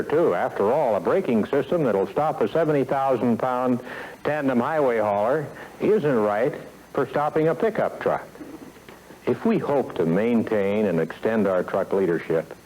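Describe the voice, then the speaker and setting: An American man plays a company executive giving a scripted sales training lecture, measured and formal, with emphatic phrasing and purposeful pauses. His mid-range voice is a little mellow, and the 1970s film soundtrack is a low-quality recording.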